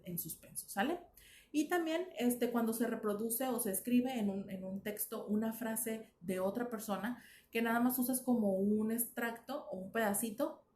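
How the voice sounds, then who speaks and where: A woman's voice: a little high, warm tone, echoey room, slight background noise. A woman with a Mexican accent teaching a recorded video lesson, explaining patiently and often checking that her students follow. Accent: Mexican Spanish.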